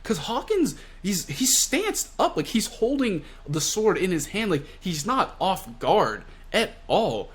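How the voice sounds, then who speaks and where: A young man casually and excitedly recapping a manga chapter, full of slang and fillers. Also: high voice, slow pace, hardly any pauses. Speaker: manga reviewer.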